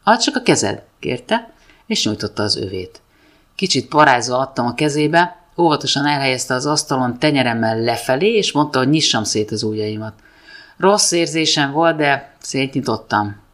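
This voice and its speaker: A woman's voice: a bass voice, expressive, a bit bright. A woman reading her own humorous first-person story aloud, with a dry, wry comic delivery.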